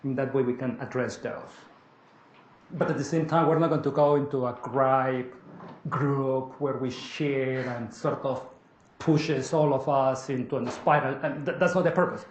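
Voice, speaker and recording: A man's voice: medium pitch, a little slow. A man from Peru with a Peruvian Spanish accent, leading an interactive writing seminar and often asking the room "correct?". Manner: animated, asks the room, often tags "correct?". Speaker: workshop leader. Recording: echoey room, faint noise.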